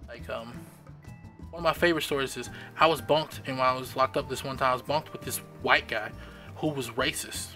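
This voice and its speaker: A man's voice: mid-range voice, brisk, bright, forceful tone, faint music behind. A man chatting casually on a live stream, telling stories in an emphatic, swearing manner. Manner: storytelling, emphatic, swears freely. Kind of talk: casual chat.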